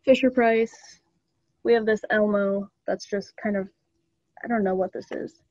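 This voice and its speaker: A woman's voice: mid-range voice, fairly even intonation, measured pace, a little mellow, no room sound, lo-fi sound. A young woman casually explaining things to a club meeting, chatty and loose with ums and small laughs, over a video call. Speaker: student club presenter.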